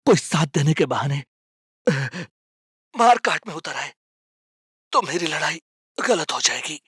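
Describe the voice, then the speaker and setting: A principled protest leader who pleads for peace in an earnest, husky voice. His pitch swings widely and the sound is dry and close. It is film drama dialogue. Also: big pitch swings, a little slow, fairly bright tone, dry recording, heavily acted. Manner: earnest, pleading with folded hands. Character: nonviolent male protest leader, calm and principled.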